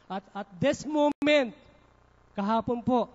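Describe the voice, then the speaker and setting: A man's voice: extremely high pitch, slow. A male pastor preaching a sermon at a church service, telling personal stories with frequent asides to the congregation. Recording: dull lo-fi livestream recording.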